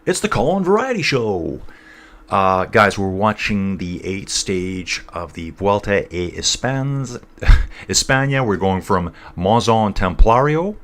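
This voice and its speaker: A man's voice: on the low side, sing-song, slow pace, a bit bright. A man from North East England hosting a casual cycling livestream, rambling between race commentary and reading out viewer chat, calling everyone dude and guys.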